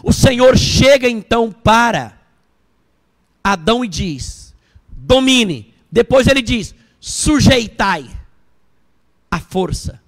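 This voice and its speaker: A man, a bishop preaching a sermon at a church service. He tells the story in an animated way and puts questions to the congregation. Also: very high voice, slow.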